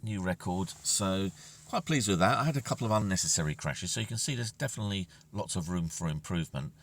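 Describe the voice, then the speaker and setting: Animated and fast, this low-voiced man narrates his own gaming session, muttering to himself and often fading into near-whispers. A slight hiss or hum accompanies the distant-mic recording, and music is playing.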